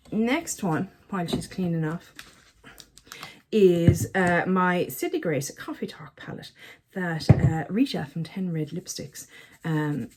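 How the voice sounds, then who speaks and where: A woman's voice: lowish voice, background noise. A woman chatting casually to camera as a beauty vlogger, chatty and self-mocking, often talking to herself. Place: at home by a counter.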